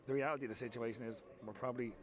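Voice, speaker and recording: A man in his forties with an Irish accent, a football manager speaking frankly after a match, restarting his sentences often, into a handheld mic outdoors on a pitch at night. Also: fairly even intonation, racing. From Ireland. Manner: frank, repeats himself, many restarts. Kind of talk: post-match interview. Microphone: handheld mic held close.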